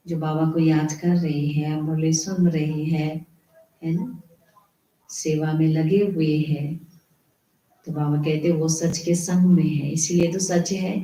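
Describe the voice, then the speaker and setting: Slow, mellow woman preaching in an echoey room. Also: fairly low pitch. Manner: slow, explanatory preaching with rhetorical questions. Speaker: spiritual teacher. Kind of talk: devotional murli reading with commentary.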